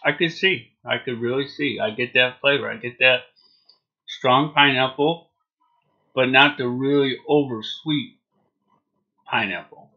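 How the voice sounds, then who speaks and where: A man's voice: mid-range voice, unhurried, pauses often. A man in his forties giving a casual, unscripted review in a laid-back, hesitant way with trailing phrases. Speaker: product reviewer. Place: small home room, indoors. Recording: dull lo-fi webcam sound.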